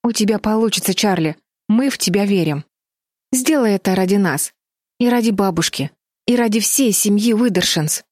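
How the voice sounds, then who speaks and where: A woman's voice: medium pitch, animated, moderate pace, darkish tone, dry recording, clean studio sound, voice pushed up, close to an everyday voice. Brave girl heroine, urgent rallying tone, read by a woman narrator. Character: determined girl heroine, bold leader.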